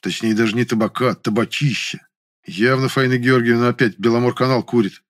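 A man narrating a first-person audiobook in a measured, wry storytelling manner. His voice sits at an ordinary middle pitch for a man. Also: fairly even intonation.

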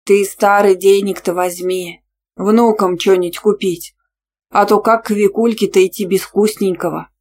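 A reader putting on a creaky old granny. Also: female voice, medium pitch, steady tone, moderate pace, a little mellow, lightly acted. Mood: nagging. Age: older. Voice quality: creaky, scratchy voice. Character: bossy old grandmother neighbor.

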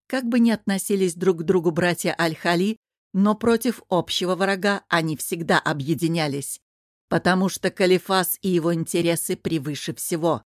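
A woman reading a fantasy audiobook in a steady, expressive storytelling manner. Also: fairly low pitch, normal speed, no room sound, clean studio sound. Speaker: audiobook narrator. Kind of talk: scripted fantasy narration.

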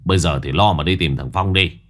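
A man's voice: low voice, a little fast, fairly bright tone. A man voicing a curt, stubborn middle-aged village man who scolds. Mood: gruff.

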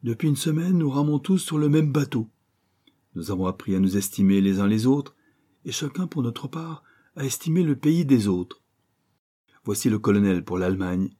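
A man putting on an excitable toastmaker. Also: lowish voice, husky. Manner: chattering, effusive. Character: excitable chatty Englishman making a toast.

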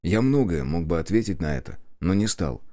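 A man narrates a fantasy audiobook in the first person. His voice sits low and mellow. His intonation moves in lively arcs. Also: a little fast.

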